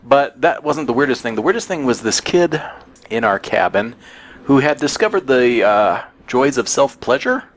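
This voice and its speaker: A man guest telling a story in a casual podcast chat, with a dry, unhurried delivery. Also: mid-range voice, very animated.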